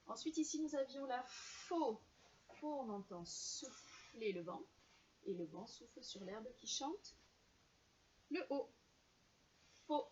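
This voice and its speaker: A woman teacher giving a slow, clear reading lesson to young children and carefully sounding out each syllable. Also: fairly high pitch, darkish tone, lo-fi sound, a little hiss or hum.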